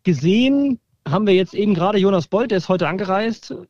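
A man speaks over the phone, calling in to report live. His voice sits fairly high, and the line sounds dull and dry. He talks in a relaxed, chatty way, with pauses and fillers as he describes things. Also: no echo. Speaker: fan blogger calling in from training camp.

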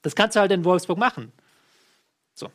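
A man with a notably high voice holds forth in a casual football chat. He argues his case at length, circling back with fillers and half-finished starts. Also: normal speed. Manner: argumentative, rambling with lots of fillers. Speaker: football pundit.

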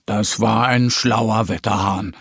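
A man voicing an earnest, gentle little boy bear in a children's audio story. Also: lowish voice, steady tone, takes it slowly, creaky, breathy edge, no room sound, studio quality, exaggerated voice.

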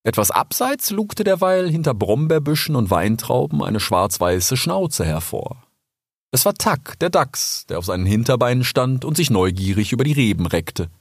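Male audiobook narrator, animated storyteller, dry close sound. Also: medium pitch, normal speed, hardly any pauses, no echo. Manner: expressive, lively storytelling.

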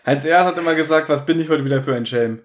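A man with a fairly high voice talks rapid-fire as a podcast co-host, chatting casually and joking around. He sometimes mimics others in mock quotes and reads out from his notes.

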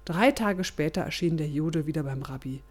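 Casting: a female podcast host with a low voice, storytelling narration, direct and formal to listeners. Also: normal speed. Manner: warm, addressing listeners formally.

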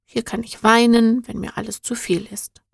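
A woman's voice: fairly high pitch, flat delivery, moderate pace, vocal fry, husky, no room sound, studio quality, full character voice. A woman reading as a thoughtful, earnest young girl. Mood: earnest, wistful. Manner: earnest, searching and heartfelt.

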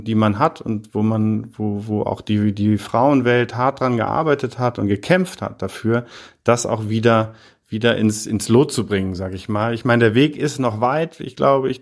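Measured middle-aged man, many fillers. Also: medium pitch. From Heidelberg, Germany. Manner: measured, hesitant with frequent fillers. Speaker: podcast guest, business consultant. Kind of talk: podcast interview.

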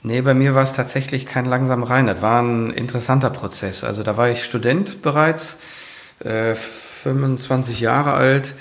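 A firefighter and author in his fifties tells his story during a casual interview. He speaks at a mid-range pitch and moderate pace, earnestly rambling with plenty of fillers and restarts.

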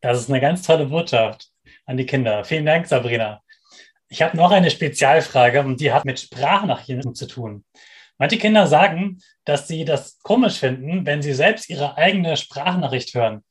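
A man's voice: a little high, animated, moderate pace. Friendly man hosting a kids' podcast. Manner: friendly, rephrases answers from a child's view. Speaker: children's podcast host. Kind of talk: interviewing for children.

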